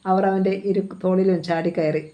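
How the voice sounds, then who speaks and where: A woman reads a novel aloud in a steady storytelling manner. Her voice sits low and mellow, with very little rise and fall in pitch. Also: normal speed, muffled recording. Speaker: narrator. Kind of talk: novel reading.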